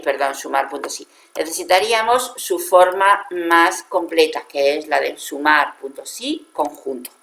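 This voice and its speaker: This screen-recorded software tutorial features a woman from Spain, Spanish-accented, patiently explaining a spreadsheet in steps and correcting herself along the way. Her voice is on the low side and a bit bright, heard in an echoey room.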